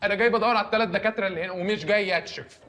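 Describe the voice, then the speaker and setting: A man's voice: high voice, rapid-fire, sharp tone. An actor playing a flustered, overly polite male doctor who speaks Egyptian Arabic. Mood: annoyed. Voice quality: apologetic, stammering. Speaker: visiting doctor.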